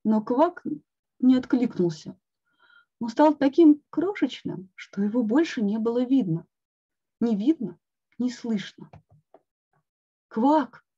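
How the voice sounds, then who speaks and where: A woman reading a picture book aloud to children with expressive, slow storytelling. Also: on the high side, slightly rough. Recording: dull lo-fi online call.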